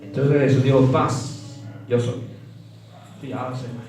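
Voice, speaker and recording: This preacher's voice is medium-pitched and darkish, his delivery flat and slow. Recorded at a distance in a reverberant church hall with faint music, he still puts call-and-response questions to the congregation and leans on swooping emphasis.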